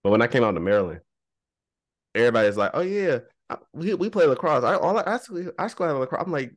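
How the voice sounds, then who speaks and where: A man's voice: mid-range voice, big pitch swings, fast talker. A man chatting casually as a podcast co-host, playful and self-mocking, repeating himself for emphasis. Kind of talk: casual chat.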